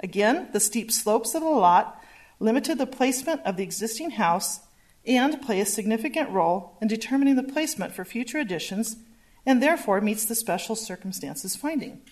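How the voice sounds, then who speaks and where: A woman with a fairly high voice walks a public hearing through a zoning staff report. She speaks in a measured way and reads steadily from her slides. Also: expressive, a little mellow. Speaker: planning staff presenter. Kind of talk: formal public hearing presentation.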